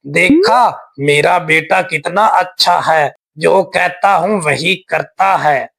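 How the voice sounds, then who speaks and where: A man voicing a boastful neighbor in a family cartoon. He teases slowly and smugly and sounds very pleased with himself. His voice sits high, with a gravelly edge. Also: expressive, a bit bright, heavily acted. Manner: slow, self-satisfied, teasing. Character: smug adult male neighbor who boasts about his son. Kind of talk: cartoon voice acting.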